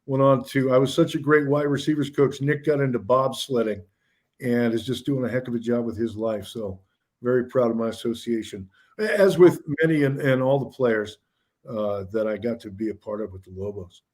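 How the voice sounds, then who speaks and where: A man's voice: mid-range voice, moderate pace. Man, radio personality, laid-back storyteller, dry jokes about himself, casual interview. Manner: relaxed storytelling, self-deprecating humor.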